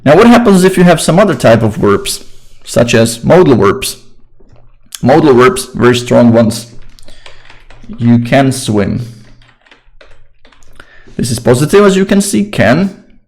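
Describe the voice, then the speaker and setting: A young Slovak-accented English teacher gives a casual online grammar lesson, relaxed and chatty, often repeating phrases. His mid-pitched voice moves at a measured pace with long pauses, and a keyboard clacks occasionally in the background of this low-quality recording.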